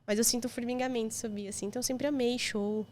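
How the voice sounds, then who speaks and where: A young Brazilian woman with a Brazilian Portuguese accent, a podcast guest telling personal stories in an emotional, lively way. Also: fairly high pitch, fast. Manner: emotional, lively storytelling with quoted voices. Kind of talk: casual chat.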